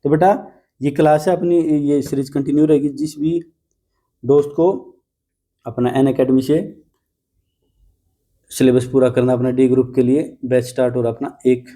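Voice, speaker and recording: A male teacher runs a vocabulary class. His voice is warm and dark, his pitch sits in the middle, and he keeps reassuring students with playful mnemonics. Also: fairly even intonation, normal speed, pauses often. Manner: coaxing, repeats "ठीक है बेटा", playful mnemonics.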